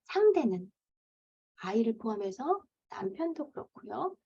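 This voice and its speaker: High-pitched woman coach lecturing to moms, swoops all over, acts out the parent lines. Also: sing-song, measured pace, gravelly, mellow, slightly rough. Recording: dull lo-fi lecture recording.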